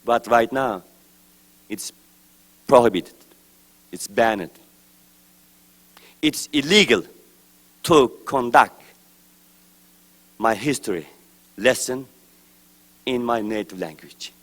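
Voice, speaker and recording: A man from East Turkestan delivers a formal prepared speech at a press event, speaking slowly, deliberately and emphatically as his phrases trail off at the ends. His voice is medium-pitched, expressive and a bit bright.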